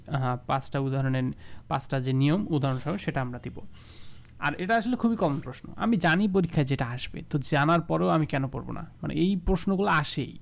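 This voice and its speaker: A young man from Bangladesh giving a casual exam-prep lesson, explaining rules step by step and repeating examples slowly. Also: on the high side, gravelly. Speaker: exam tutor.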